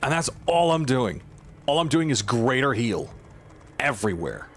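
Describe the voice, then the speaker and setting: A man's voice: medium pitch, sing-song, moderate pace, faint music behind. A man giving live gameplay commentary as a healer, venting in an exasperated, profane way and repeating himself for emphasis. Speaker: gamer, streamer playing a healer.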